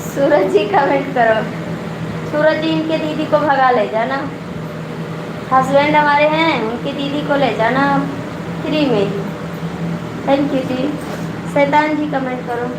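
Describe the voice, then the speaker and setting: A woman's voice: high voice, unhurried, long pauses. A woman with an Awadhi accent hosting a phone live stream, teasing viewers and coaxing them to comment. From Awadh region, India. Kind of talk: casual chat with live viewers. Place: room with a running air cooler. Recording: echoey room, loud cooler noise.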